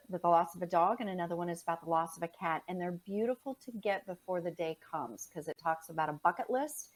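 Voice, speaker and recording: A woman guest on a podcast about pet loss, telling stories in a lively way and acting out what people said. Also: fairly low pitch. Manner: animated, acts out quoted dialogue. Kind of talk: conversational storytelling.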